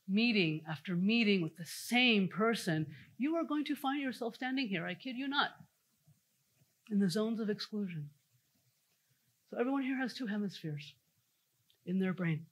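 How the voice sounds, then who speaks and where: A woman giving an energetic conference talk, telling stories and speaking straight to the audience. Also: medium pitch. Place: conference stage before an audience.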